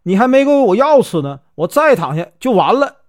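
A man's voice: high voice, very animated, a little fast, voice pushed up. A man with a Northeastern Chinese accent voicing a scruffy, joking wandering monk who teases in mock humility. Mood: teasing. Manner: teasing, mock-humble banter.

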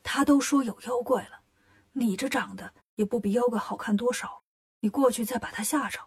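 A timid, easily scared monk master, as a woman storyteller puts him on, soft-spoken and fussy. A gentle figure in a children's storybook tale. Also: a little high, normal speed, slightly rough.

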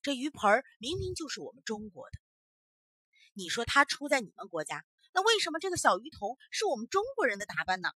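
A woman's voice: fairly high pitch, sing-song, fairly quick, bright, forceful tone, husky, no room sound, exaggerated voice. A woman voicing an honest old fisherman in a storybook tale, protesting earnestly. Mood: indignant.

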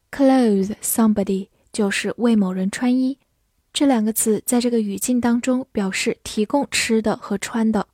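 A woman teaches English vocabulary, spelling each word letter by letter and reading example sentences aloud at a careful, very slow pace. Her voice sits a little high but mellow. The recording is dry and close. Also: no echo. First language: Chinese. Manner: spells words letter by letter and reads sentences very slowly.

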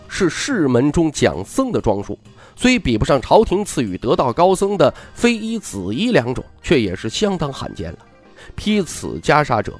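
An expressive male narrator telling a story as an audiobook. His voice sits a bit high and swings in a lively way, with faint music behind the reading. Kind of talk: scripted narration.

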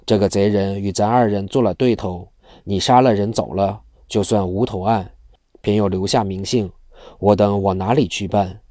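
A worried constable from an old storybook tale, sighing over a hopeless case, read by a man. The voice is low and mellow, dry and close. He sounds stuck and anxious. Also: fairly even intonation, normal speed, no room sound, lightly acted. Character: two worried county constables, men.

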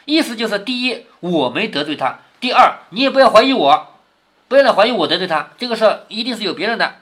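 A man's voice: high voice, very animated, quick pace, fairly bright tone. A man reading a classic novel aloud to his daughter, explaining it with lots of rhetorical questions. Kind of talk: storybook reading with commentary.

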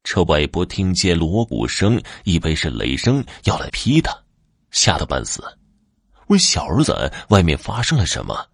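A man telling a folk tale in a measured, dramatic storytelling manner. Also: low voice, very animated, vocal fry, husky, dry recording, clean studio sound.

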